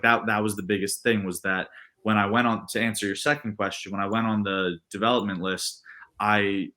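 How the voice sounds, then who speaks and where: A man's voice: lowish voice, fairly bright tone. A young man in his twenties answering podcast interview questions in an earnest, rambling way, full of restarts and fillers. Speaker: podcast guest, baseball pitcher.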